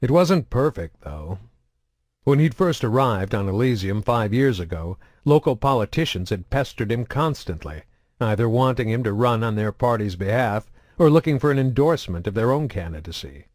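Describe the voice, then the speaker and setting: A man narrating a science fiction novel in a steady, measured reading style. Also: medium pitch, dry recording, studio quality. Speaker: audiobook narrator. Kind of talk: audiobook narration.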